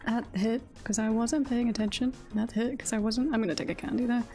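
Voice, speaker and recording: A woman livestreamer and VTuber delivers casual, jokey gameplay commentary in a fairly high, mellow voice, speaking fairly quickly with a steady tone. She repeats short phrases and swears now and then, with video game music playing behind her.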